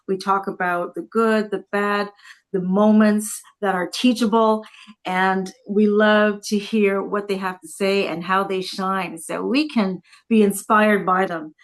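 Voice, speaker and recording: A woman's voice: mid-range voice, fairly even intonation, unhurried. A woman hosting an interview talk show, welcoming and praising her guest with enthusiasm.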